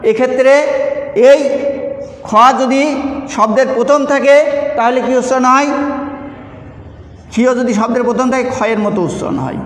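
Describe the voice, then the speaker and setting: A man's voice: very high-pitched, fairly even intonation, normal speed, long pauses. A male teacher with a Bangladeshi Bengali accent giving an online class, explaining step by step and asking his students questions that he then answers himself. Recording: echoey room with long reverb.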